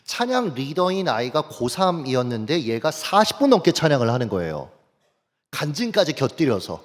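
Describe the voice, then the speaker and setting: A male pastor preaching a sermon, telling personal stories in an animated way and speaking straight to his congregation. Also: fairly high pitch, moderate pace. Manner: animated, anecdotal, addresses congregation directly. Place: church sanctuary. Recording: long church hall reverb.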